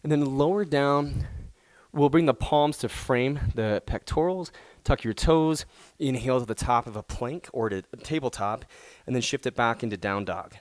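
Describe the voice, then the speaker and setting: Calm man guiding a yoga class. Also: mid-range voice, moderate pace, no echo. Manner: calm, encouraging cueing with gentle praise. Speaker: yoga instructor. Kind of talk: guided yoga class instruction.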